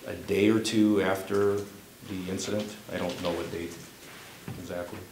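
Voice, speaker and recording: Guy fielding press questions, flat and careful, echoey room. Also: low voice. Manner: hesitant, measured, cautious. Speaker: police spokesman. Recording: echoey room with clear background noise.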